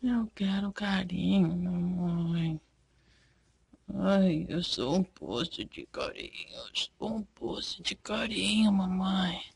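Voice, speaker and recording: A woman's voice: fairly low pitch, animated, slow pace, vocal fry, husky, pitched below the performer's own voice, heavily acted. Woman putting on a whiny, cuddle-hungry pet dog. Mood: whiny pleading. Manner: whiny, pleading baby voice. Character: pampered female pet dog, greedy for cuddles.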